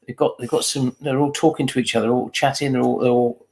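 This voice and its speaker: A man with a gravelly, creaky voice co-hosts live fan commentary. He is blunt and critical, and he keeps tagging his points with "isn't it" questions. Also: medium pitch, level tone, fast. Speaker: fan channel co-host.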